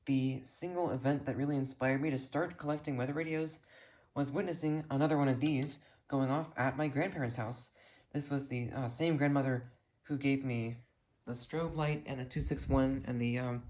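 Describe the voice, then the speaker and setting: With a darkish tone to his mid-pitched voice, an American hobbyist hosts the video and rambles through his collection. He's casual, enthusiastic and full of detail.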